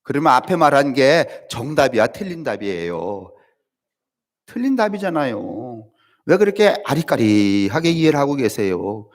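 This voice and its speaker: A man preaching a church sermon, questioning the congregation conversationally and swinging between loud emphatic high lines and quiet low asides. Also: very animated, moderate pace. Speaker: pastor.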